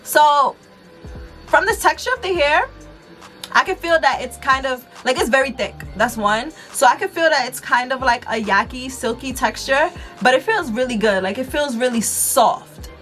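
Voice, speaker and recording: Higher-voiced American woman, slangy and chatty. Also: lively intonation, moderate pace, fairly bright tone, soft background music. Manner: slangy, informal, addressing viewers as y'all. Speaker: beauty vlogger reviewing a wig. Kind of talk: casual chatty product review.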